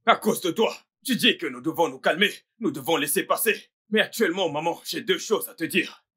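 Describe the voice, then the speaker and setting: This is a boastful, hotheaded young fashion designer who rants about revenge. His voice is high, bright and husky. It comes from a French dub of a family drama. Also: animated, fairly quick, heavily acted. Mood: outraged. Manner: boastful, ranting threats.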